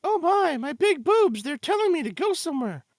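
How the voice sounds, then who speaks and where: A man's voice: very high-pitched, sing-song, moderate pace, no room sound, studio quality, voice pushed up. A man voicing a dim, clueless young woman from a fantasy game in a mock-naive, silly way.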